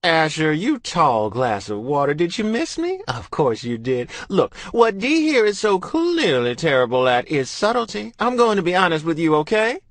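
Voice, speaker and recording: A man's voice: a little high, huge pitch swings, moderate pace, few pauses, no echo, voice pushed up. A man doing a flamboyant teasing hairdresser. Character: flamboyant theatrical male hairdresser. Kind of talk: audiobook character voice.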